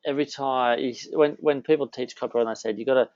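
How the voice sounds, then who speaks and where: A man's voice: mid-range voice, steady tone, quick pace, a little mellow, no room sound, highs cut off. A man hosting a casual interview, rambling and often restarting his sentences. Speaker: host.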